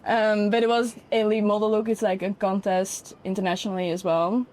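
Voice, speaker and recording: This Dutch woman in her twenties, a fashion model appearing as a podcast guest, speaks with a Dutch accent and says "like" a lot in a casual interview chat. Her medium-pitched voice is flat, slightly quick and a bit mellow, with a little hiss or hum in the background.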